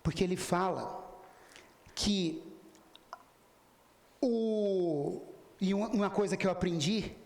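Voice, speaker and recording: A man's voice: sits high, takes it slowly, creaky, long pauses, darkish tone. A man giving a spiritist lecture, telling a story and acting out the quoted dialogue while speaking straight to his listeners. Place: spiritist center lecture hall. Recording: echoey hall.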